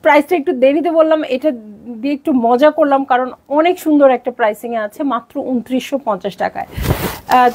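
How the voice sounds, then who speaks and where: A woman's voice: high-pitched, darkish tone. A young Bangladeshi woman selling dresses on a live stream, chatty and bubbly, often slipping in English words. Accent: Bangladeshi Bengali. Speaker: online clothing seller.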